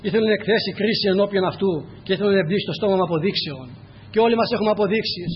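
Male preacher, higher register, repetitive exhortations, reverberant church with a muffled, faint hiss. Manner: repetitive exhortations, direct address to listeners. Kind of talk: sermon with scripture reading.

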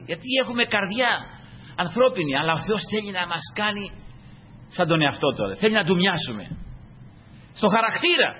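A man's voice: high voice, big-room sound, highs cut off, slight background noise. A man preaching a fervent sermon, often addressing his listeners as brothers.

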